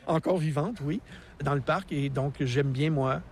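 Taking it slowly, a man with a higher-leaning voice explains mountain terrain outdoors for a radio interview. He's a park naturalist in his sixties with a Québécois French accent, full of teacherly enthusiasm and easy laughter. Slight background noise can be heard.

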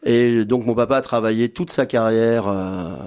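The speaker is a Frenchman in his fifties who owns a restaurant and cooks there, being interviewed on the radio. He's hesitant, full of fillers and false starts, and his mid-range voice is smooth and darkish, moving at a moderate pace.

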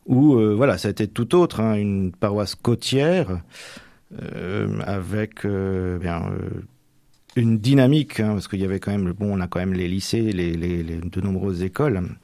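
Young man from Normandy, lowish voice, dry close sound; hesitant interviewee with lots of fillers. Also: normal speed, dark tone, no echo. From Normandy, France. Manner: hesitant, many fillers and restarts. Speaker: seminarian about to be ordained priest. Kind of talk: radio interview.

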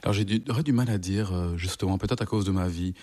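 Soft-spoken reflective man in his forties. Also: sits low. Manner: thoughtful, halting, many restarts. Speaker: guest. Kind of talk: reflective interview answers.

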